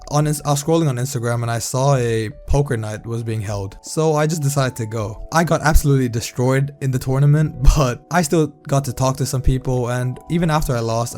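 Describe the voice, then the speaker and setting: A young man from Thailand talks in a relaxed, conversational way, telling a personal story as he plays a game. His voice sits at an ordinary middle pitch, and soft background music plays under him. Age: young adult. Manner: relaxed, candid, conversational, reacts loudly during gameplay. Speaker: vlogger. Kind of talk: casual storytime narration over gameplay.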